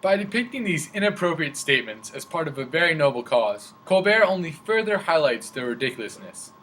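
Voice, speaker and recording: A man's voice: fairly high pitch, big pitch swings, a little fast, a bit bright, rough recording. A man presenting as a parody news anchor, reading a formal scripted commentary. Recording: faint background noise.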